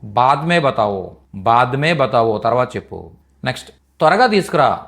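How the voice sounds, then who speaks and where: A man's voice: mid-range voice, very animated, moderate pace, creaky, fairly bright tone. A man teaching in a live online language class, repeating each phrase patiently for students. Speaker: Hindi teacher.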